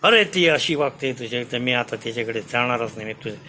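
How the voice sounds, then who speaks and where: A man's voice: mid-range voice, animated, a little fast, sharp tone, a little hiss or hum. A man storyteller voicing an angry, proud old king who takes offence easily and raises his voice indignantly.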